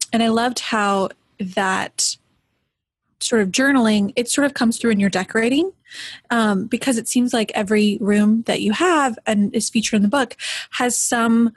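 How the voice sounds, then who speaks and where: A woman's voice: on the high side, no echo. A woman interviewer speaking in a chatty way, with frequent fillers. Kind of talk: casual interview chat.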